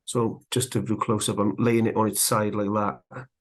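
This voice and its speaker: A man teaching woodcarving live, chatting in a relaxed way as he works, a little out of breath. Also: on the low side, normal speed. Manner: relaxed, chatty, talks while working. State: slightly out of breath. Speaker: woodcarving instructor. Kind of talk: live carving tutorial.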